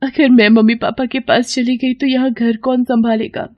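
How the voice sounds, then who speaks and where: A woman voicing a meek, kind young daughter-in-law who speaks softly and politely in a cartoon story. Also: a little high, flat delivery, moderate pace, lo-fi sound, voice pushed up, lightly acted. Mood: sad. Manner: soft, gentle, polite.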